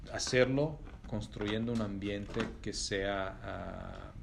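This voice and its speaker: A middle-aged man, speaking Spanish as an in an interview as a company executive, thoughtful and pausing often with fillers. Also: fairly low pitch, vocal fry, noisy background. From Italy. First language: Italian. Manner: thoughtful, pauses with many fillers and restarts. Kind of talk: reflective interview answers.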